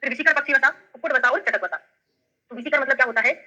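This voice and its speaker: Brisk bright-voiced woman with a Bundelkhandi lilt. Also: high voice, highs cut off. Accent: Bundelkhandi Hindi. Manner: explains step by step and keeps checking in with questions. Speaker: Ayurveda tutor. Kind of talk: online lesson with memory tricks.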